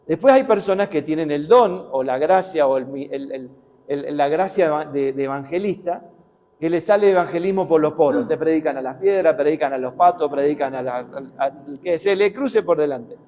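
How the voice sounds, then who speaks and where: Rioplatense guy preaching, warm voice a bit high, long echo in a big hall. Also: moderate pace. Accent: Rioplatense Spanish. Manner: conversational, with rhetorical questions and anecdotes. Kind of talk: sermon.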